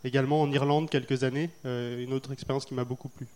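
A man's voice: mid-range voice, little pitch movement, quick pace, a little mellow. A man from France, an author being interviewed, speaking thoughtfully with frequent hesitations. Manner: thoughtful, hesitant with many fillers. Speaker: author guest. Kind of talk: festival interview.

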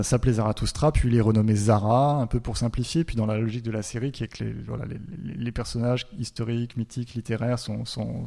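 A man's voice: mid-range voice, creaky, dark tone. A man giving a lecture, speaking hesitantly with many fillers and repeated words.

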